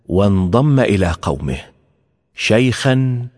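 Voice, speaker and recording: A man giving a formal scripture reading with a measured, solemn delivery. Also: fairly low pitch, big pitch swings, a little mellow. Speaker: scripture reader. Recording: long hall reverb.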